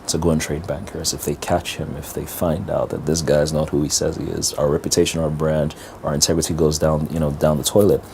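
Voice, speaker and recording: A middle-aged man with a strikingly deep, gravelly voice tells his story as an interview guest. He talks fast and animated, acting out who said what and sprinkling in fillers and repeated words. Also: slight background noise. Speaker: interview guest, business strategist and motivational speaker. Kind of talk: telling a personal story in an interview.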